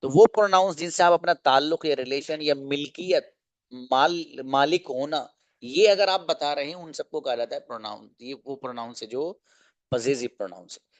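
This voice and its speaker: A man's voice: medium pitch, no room sound. Dry-voiced man teaching grammar online. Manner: explains slowly, repeats examples and asks rhetorical questions. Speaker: English teacher.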